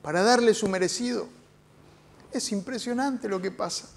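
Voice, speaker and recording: A man's voice: sits high, moderate pace, gravelly. A man with an Argentine accent, a pastor preaching a sermon as dramatic storytelling with rhetorical questions. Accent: Argentine Spanish.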